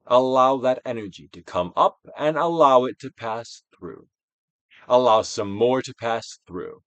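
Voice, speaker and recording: This audiobook reader, an actor, delivers a self-help text theatrically, going from near-whispers to emphatic projection with calculated pauses. His mid-range voice has lively intonation, and the recording has no echo but sounds dull.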